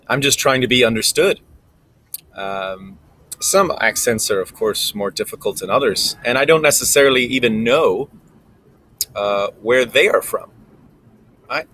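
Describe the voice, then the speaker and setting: A man's voice: mid-range voice, unhurried, long pauses, pushed and bright, low-quality recording. A man giving a reflective vlog monologue to camera, thinking aloud in a casual way with frequent ums. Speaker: vlogger. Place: recording alone in front of a camera.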